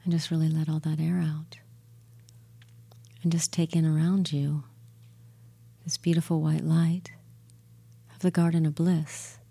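A woman leads a guided meditation in a low, very mellow voice. She speaks in a soothing, breathy murmur that sometimes thins toward a whisper. Long, gentle pauses separate her phrases. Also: level tone. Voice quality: soft, breathy, near whisper at times. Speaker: guided relaxation hypnotist. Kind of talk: guided meditation and hypnosis induction.

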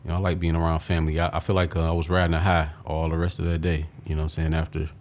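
A man's voice: extremely low pitch, little pitch movement, racing, darkish tone. A young man, chatting easily as a podcast co-host, often asking "you know what I'm saying". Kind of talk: casual chat.

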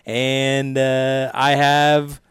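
A man hosting sports radio, talking casually with somewhat halting phrasing. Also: mid-range voice, monotone, smooth, dry recording, studio quality.

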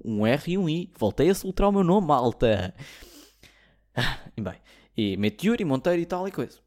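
A man's voice: medium pitch, darkish tone. Ranting young Portuguese man, sarcastic. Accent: European Portuguese. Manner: ranting, sarcastic, swears freely. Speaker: comedy podcaster. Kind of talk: casual comic monologue.

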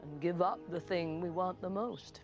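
An older actress giving a gentle, earnest, heartfelt monologue in an unhurried way. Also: female voice, on the low side, soft background music, lightly acted.

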